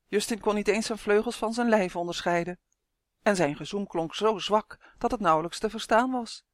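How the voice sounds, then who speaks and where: A reader narrating a children's storybook in a calm, even storytelling manner. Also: mid-range voice, moderate pace, no echo, clean studio sound. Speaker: audiobook reader.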